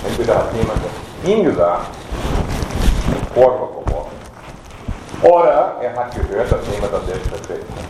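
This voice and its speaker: A man preaching a Bible teaching sermon, explaining slowly with many pauses and fillers and stressing key words. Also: on the low side, very animated. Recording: echoey room with background noise.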